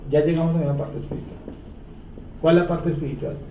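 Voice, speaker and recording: A man's voice: on the high side, steady tone, quick pace, vocal fry, a little hiss or hum. A man teaching a Bible lesson to a class, often asking a question and answering it himself. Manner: asks the class rhetorical questions and answers them. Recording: tinny, echoey room, distant mic.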